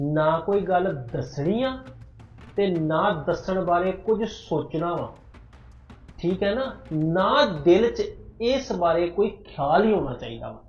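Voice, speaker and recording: A man playing a menacing, controlling husband. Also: on the high side. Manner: menacing, commanding. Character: controlling, threatening young husband. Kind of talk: amateur family drama acting. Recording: dull, roomy recording with faint music.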